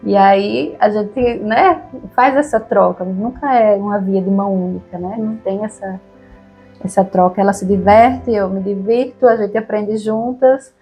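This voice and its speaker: A woman with a Brazilian Portuguese accent co-hosting a relaxed conversation about reading aloud to children, often tagging her sentences with questions. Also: medium pitch, a little slow, slightly rough, faint music behind. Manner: relaxed, chatty, frequent tag questions. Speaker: podcast co-host.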